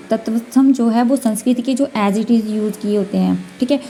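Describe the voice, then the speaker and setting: Woman teacher, mellow, fairly high voice, patient step-by-step exam-prep explainer, faint hiss behind. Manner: explains patiently, repeats key words, sounds out letters. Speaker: Hindi teacher. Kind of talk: exam-prep lesson, question by question.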